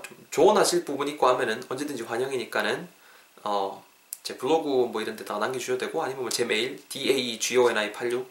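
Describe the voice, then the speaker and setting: A man hosting a podcast English lesson, chatty and self-joking, who drills pronunciation by repeating words. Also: medium pitch. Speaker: English teacher. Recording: echoey room.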